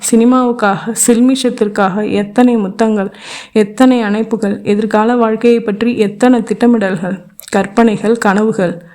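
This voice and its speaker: Gentle woman narrating a romance novel. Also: mid-range voice. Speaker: audiobook narrator.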